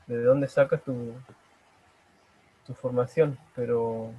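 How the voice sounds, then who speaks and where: A young man with a Chilean accent, a painter answering interview questions in halting, self-correcting casual talk over a video call. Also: medium pitch, steady tone, slightly rough, phone-quality sound. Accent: Chilean Spanish. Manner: hesitant, halting, many restarts.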